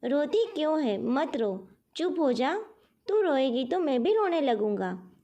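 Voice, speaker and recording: A woman's voice: high-pitched, sing-song, measured pace, mellow, dull audio, full character voice. A woman voicing an affectionate elderly grandfather who talks tenderly and coaxingly. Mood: soothing.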